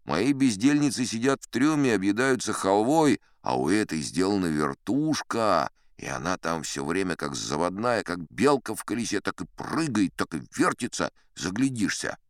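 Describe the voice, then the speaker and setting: A man's voice: fairly low pitch, lively intonation, moderate pace, hardly any pauses, dry recording, studio quality, close to an everyday voice. An actor playing a boastful old sea captain who narrates his tall tales in a chatty, sly way, often turning to the listeners. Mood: boastful yarn. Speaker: first-person narrator of an audio play. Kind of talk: theatrical storytelling, audio play.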